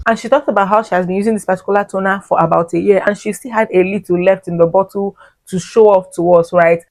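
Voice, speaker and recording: A woman's voice: on the low side, darkish tone, no echo. A woman reviewing skincare products in a chatty vlog style. She often tags her sentences with "okay" and "right?". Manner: addresses viewers fondly as "my loves". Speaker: beauty vlogger.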